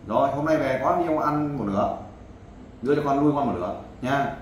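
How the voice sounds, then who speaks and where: A fast-talking man lectures bluntly and pushes over any reply. His voice sits at a middle pitch. He is recorded in a strongly echoing room with a faint hum of background noise. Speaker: volunteer advisor helping a man find his wife. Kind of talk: blunt advice session.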